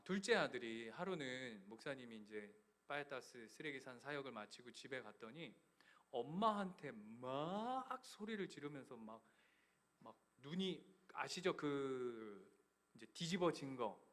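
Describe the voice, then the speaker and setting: A male pastor giving a Christmas sermon in a church, telling stories with sudden loud bursts and hushed, nearly whispered passages. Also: medium pitch, big pitch swings, moderate pace. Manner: storytelling preacher swinging from loud emphatic bursts to hushed near-whispers. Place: church sanctuary.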